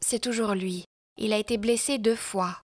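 A woman's voice: mid-range voice, fairly even intonation, moderate pace, no echo, studio quality, lightly acted. A woman voicing an embarrassed young male army captain who speaks hesitantly and awkwardly, in a storybook reading. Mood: flat.

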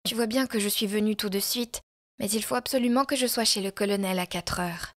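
A woman's voice: mid-range voice, brisk, a bit bright, no room sound, clean studio sound, natural voice. A woman voicing an embarrassed young male army captain who speaks hesitantly and awkwardly, in a storybook reading. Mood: hurried.

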